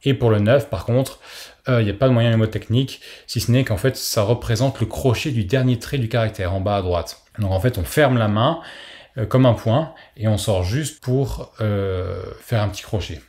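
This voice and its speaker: A man's voice: fairly low pitch, normal speed, darkish tone. A man teaching a recorded language lesson, explaining patiently and modeling pronunciations for the listener to repeat.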